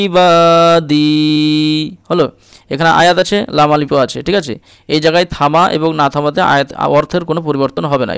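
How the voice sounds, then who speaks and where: Male Quran tutor, slightly high, smooth clear voice, dry close sound, spells out letters then chants words slowly. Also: a bit bright, no room sound. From India. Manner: checks in often with the listener. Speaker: Quran reading teacher. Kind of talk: step-by-step recitation lesson.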